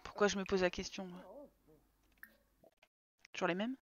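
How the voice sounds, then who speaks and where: A woman's voice: mid-range voice, level tone, normal speed. A woman giving casual, swear-filled commentary while playing a life-sim game live, talking to her characters. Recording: dull lo-fi stream audio.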